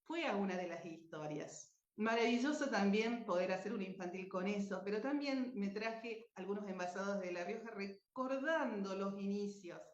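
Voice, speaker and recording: An Argentine woman with a medium-pitched voice speaks at a moderate pace, hardly pausing. A radio drama writer presenting at a book fair, she gives an informal, effusive talk full of anecdotes. The recording is lo-fi, dull and echoey.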